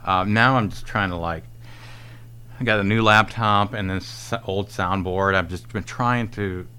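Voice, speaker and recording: Hesitant low-voiced podcast man. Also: bright, forceful tone, smooth. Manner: hesitant, halting, frequent ums and swearing. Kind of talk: casual podcast chat.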